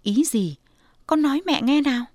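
A woman voicing a weary, hardworking mother in her forties who speaks low and tenderly. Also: lively intonation, moderate pace, darkish tone, no room sound, studio quality. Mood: surprised.

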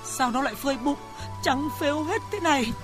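A woman's voice: sits high, a little fast, a bit bright, faint music behind. An actress playing an anxious rural mother who pleads with her grown son in a radio drama. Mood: grieving. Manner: pleading, emotional.

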